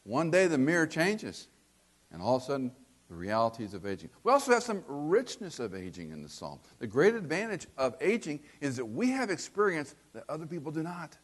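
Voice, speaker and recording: A man's voice: a little high, very animated, brisk. An older man preaching a sermon, asking rhetorical questions and acting out quotes.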